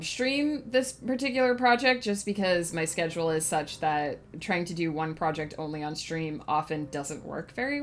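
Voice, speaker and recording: On a livestream about her writing process, this woman author talks loosely, filling pauses and musing out loud, slightly sniffly throughout. Her mid-range voice is a bit bright, and there's a faint hiss or hum in the audio.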